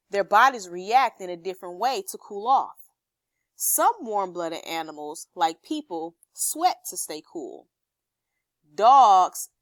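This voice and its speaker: A woman teacher reads an informational text to her pupils, explains it, and stops to ask questions that check their understanding. Her voice is medium-pitched and a bit bright, recorded dry.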